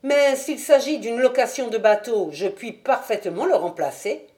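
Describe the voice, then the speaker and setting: Brief: woman playing a shrill, chatty working-class wife in a storybook reading, pitched high. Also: lively intonation, moderate pace, lightly acted. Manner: loud, fussing and talkative.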